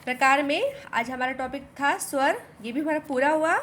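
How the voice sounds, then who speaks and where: A woman teacher explaining a lesson slowly and repetitively, asking the class rhetorical questions. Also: high voice, noisy background.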